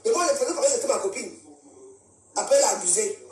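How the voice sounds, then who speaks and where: A woman's voice: fairly high pitch, lively intonation, quick pace, far from the mic, heavy background noise. A woman from Cameroon, ranting defiantly on a live stream and repeating her points. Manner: defiant, confrontational, repeats herself. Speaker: social media live streamer. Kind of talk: angry live-stream rant. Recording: echoey room, voice from off the mic, faint music.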